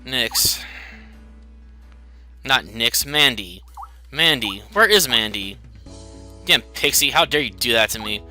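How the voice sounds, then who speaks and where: Guy reading a blunt young dude, impatient, bright crisp tone. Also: medium pitch, animated, slow pace, pauses often, faint music behind, exaggerated voice. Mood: demanding. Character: brash young man lost in a strange world.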